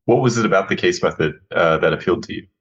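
A man's voice: deep voice, quick pace, slightly rough, highs cut off. A man hosting a podcast interview, friendly and prone to repeating words as he starts his questions. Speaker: podcast host.

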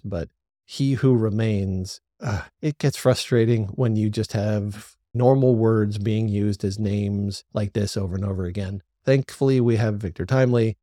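A man with a lowish, mellow voice hosts a solo review podcast. He talks his opinions through aloud, analytical and opinionated. The sound is dry and close, with no room around it. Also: no echo. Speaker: podcast host reviewing a TV series.

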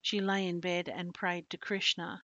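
A woman podcast host narrating a story in a steady, earnest reading voice. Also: on the low side, unhurried, no room sound. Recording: dull lo-fi dry recording.

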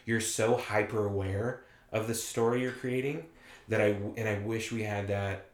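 A man's voice: fairly low pitch, steady tone, normal speed, echoey room. A man chatting as a podcast guest, enthusiastic and rambling, full of "like"s. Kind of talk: casual chat.

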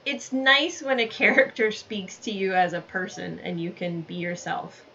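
A woman's voice: lowish voice, fairly even intonation, normal speed, vocal fry, sharp tone, husky. A woman interviewing an actor, asking friendly questions and laughing often. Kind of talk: casual interview. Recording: dull lo-fi sound with faint ambient noise.

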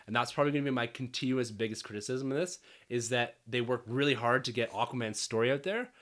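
A man hosting a casual film review chat, his raspy voice hoarse from a cold and breaking into squeaks. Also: quick pace, a bit bright. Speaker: podcast film review host.

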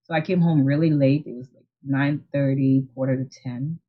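A woman's voice: rumbling low, fairly even intonation, normal speed. Earnest woman telling her story, lo-fi. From Haiti. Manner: earnest, reflective, with frequent restarts and soft laughs. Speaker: optometrist and practice owner, guest. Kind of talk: casual interview storytelling. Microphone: video call. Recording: lo-fi video call audio.

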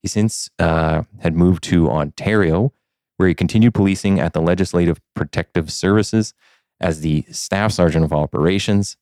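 A man with a very deep, low voice hosts a podcast interview, asking easygoing questions and reading out his guest's background. The recording is close and dry, with no room sound. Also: normal speed, darkish tone, dry recording. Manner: friendly, easygoing, filler-heavy questions. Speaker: podcast host.

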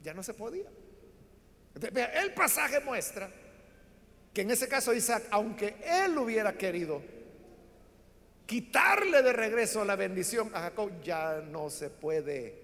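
A man preaching with a very high, lively voice that climbs and dips as he acts out a Bible story. His sermon rings with a long hall reverb. He talks to the congregation directly and explains as he goes. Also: a little slow, long pauses. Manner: animated storytelling, acting out voices in Bible stories.

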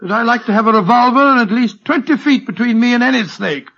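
An actor in an old radio drama playing a genial, excitable older doctor and loyal sidekick, with a British accent and a blustery manner. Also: male voice, extremely high pitch, fast talker, gravelly, breathy edge, heavily acted. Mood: chatty, amused. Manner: blustery, avuncular. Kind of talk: 1940s radio drama acting. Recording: lo-fi old radio recording with music.

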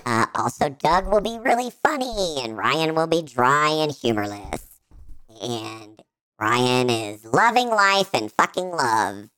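Female voice, low but bright, sardonic, mock-promo delivery. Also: big pitch swings, slow pace. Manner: sardonic, teasing. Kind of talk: mock trailer voice-over.

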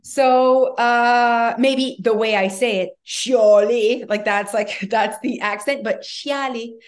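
A lively woman, chatting casually as a podcast co-host. Her voice sits a little high, and she acts out other people's words as she tells a story. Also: takes it slowly. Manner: animated storyteller, acts out quoted talk. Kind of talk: casual chat.

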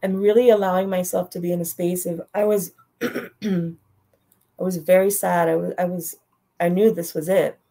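Woman telling a story, gravelly voice. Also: lowish voice, steady tone, normal speed, warm tone. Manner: direct, heartfelt, repeats phrases. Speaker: guest. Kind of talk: emotional storytelling.

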